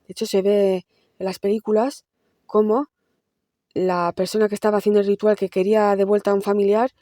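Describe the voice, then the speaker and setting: Speaking a little fast in a warm, medium-pitched voice with little pitch movement, a woman breaks down a film's plot for her viewers. She reviews films casually to camera, explaining conversationally and often restarting, in a dry studio-quality recording.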